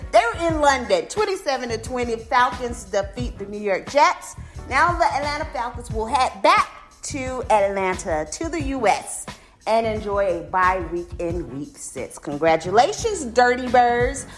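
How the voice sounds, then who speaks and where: A woman's voice: fairly high pitch, animated, unhurried, soft background music. A woman presenting a bubbly, playful sports news roundup and cheering on the home teams.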